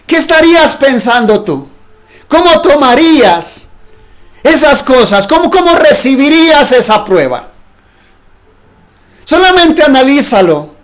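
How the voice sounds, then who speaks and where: High-voiced male preacher, emphatic. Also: fairly bright tone. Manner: emphatic, rhetorical questions to listeners. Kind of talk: sermon.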